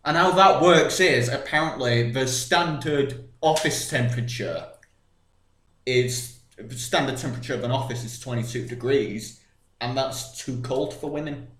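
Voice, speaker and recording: A man's voice: medium pitch, a little slow, a bit bright. A young man co-hosting a podcast, teasing and blunt, swearing freely in casual chat. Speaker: podcast co-host. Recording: echoey room.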